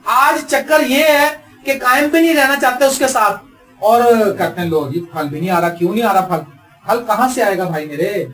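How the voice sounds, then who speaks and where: A male pastor with a high voice delivers a sermon. He moves between forceful, emphatic lines and low, quiet asides, and acts out the voices he quotes. Faint music plays behind him.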